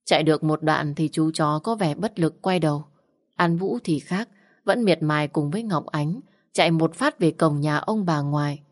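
Lower-voiced woman storyteller. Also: normal speed. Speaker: narrator. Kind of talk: storytelling narration.

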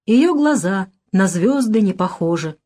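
A woman's voice: medium pitch, expressive, unhurried, dark tone. Woman reading an audiobook. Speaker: audiobook reader. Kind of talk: audiobook narration.

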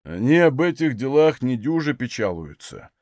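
A man voicing a mournful Cossack villager in a deep, booming bass. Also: big pitch swings, normal speed, a little mellow, dry recording, clean studio sound, lightly acted.

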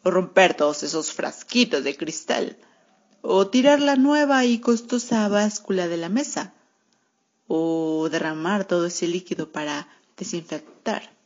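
A woman's voice: lowish voice, expressive, a little slow. A woman reading a children's story aloud for radio, narrating in a wry, sardonic first-person cat voice. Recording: muffled lo-fi radio recording.

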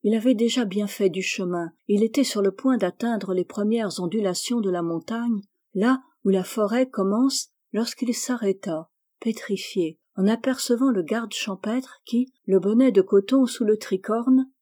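Mellow-voiced woman reading a tale. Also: mid-range voice, a little slow. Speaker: storyteller. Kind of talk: scripted story narration.

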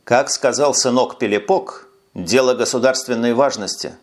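A man's voice: mid-range voice, moderate pace, lightly acted. A man voicing a tired, sarcastic police lieutenant who speaks curtly in an audiobook. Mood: weary. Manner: sarcastic, curt. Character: weary sardonic male police lieutenant.

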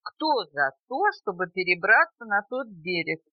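Woman voicing a tiny polite male beetle, squeaky, chirpy, storybook, dull old cassette sound. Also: sing-song, unhurried, husky, no echo. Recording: dull dry cassette tape.

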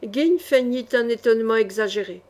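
Casting note: woman narrator with a fairly high voice, measured and expressive, reading a cloak-and-dagger novel. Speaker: audiobook reader. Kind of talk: scripted narration of a swashbuckling novel.

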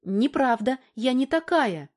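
Valka, a woman putting on a high cheeky young girl. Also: animated, measured pace, darkish tone. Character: young girl, frightened, then cheeky and defiant.

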